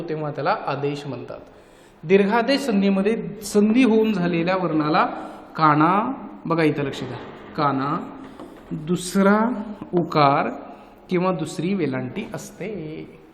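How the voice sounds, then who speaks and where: A male teacher giving a grammar lesson with a Marathi accent. He asks his own questions and answers them, repeating each key point. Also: high-pitched. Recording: echoey, noisy room.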